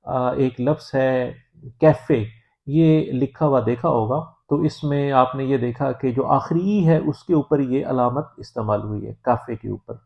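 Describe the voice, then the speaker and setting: A man from Pakistan giving a language lesson, explaining in a measured, patient way with frequent hesitant pauses. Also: mid-range voice, gravelly. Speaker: French teacher. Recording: dull lo-fi recording.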